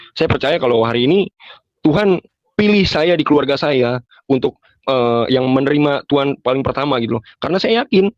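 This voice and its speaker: A man's voice: medium pitch, no room sound, highs cut off. A teenage man, telling his personal story as an interview guest in informal, emotional speech. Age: teens. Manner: informal Jakarta slang, emotional retelling.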